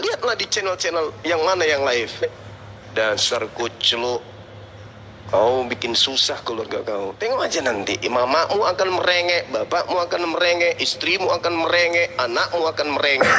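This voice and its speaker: A man's voice: high-pitched, bright, forceful tone, a little hiss or hum. A man, hosting a debate channel and scolding someone in an angry, threatening rant.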